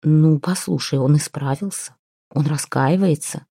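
A woman voicing a timid, gentle woman friend who speaks hesitantly. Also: low voice, fairly quick, vocal fry, breathy edge, no echo, clean studio sound, full character voice. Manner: soft, hesitant.

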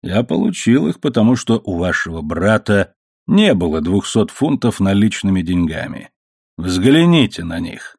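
Audiobook role: man reading a smooth-talking, scheming sea captain, lowish pitch, dry recording. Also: very animated, normal speed, darkish tone, no room sound, exaggerated voice. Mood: sly. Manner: smooth and bargaining. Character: sly good-natured middle-aged ship captain.

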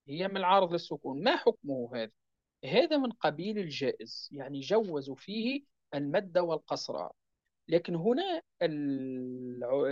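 A man teaching the rules of Quran recitation step by step, checking with his listeners and chanting the verse examples slowly. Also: on the high side, dry recording. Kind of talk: religious lesson explaining recitation rules. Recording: dull, dry lo-fi recording.

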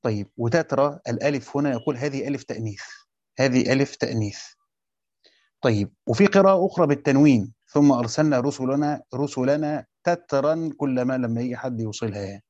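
A man with an Egyptian Arabic accent teaching a classroom lesson, quizzing his students and repeating his points slowly. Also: mid-range voice, expressive, darkish tone, dry recording, highs cut off. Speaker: teacher of Quran commentary.

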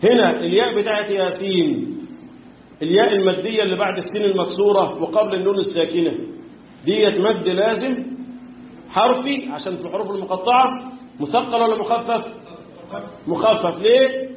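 A man with an Egyptian accent teaching a tajweed lesson, quizzing his students and answering his own questions, chanting verses now and then and often clearing his throat. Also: sits high, fairly quick, slight background noise. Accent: Egyptian Arabic. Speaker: Quran recitation teacher. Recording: echoey room, tinny phone-like sound.

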